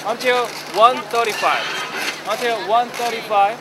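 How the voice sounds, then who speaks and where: A man's voice: very high voice, steady tone, moderate pace. A man guiding a tour group, repeating instructions and checking that everyone understands. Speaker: tour guide. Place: outdoor city square with traffic. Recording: noisy street recording.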